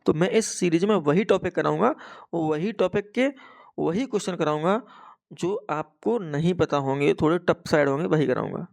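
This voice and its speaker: Gravelly-voiced man drilling exam facts. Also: a little high, moderate pace, a little mellow. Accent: Hindi. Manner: repeats each fact twice, dictation-like. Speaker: exam coaching teacher. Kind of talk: rote exam-prep lesson.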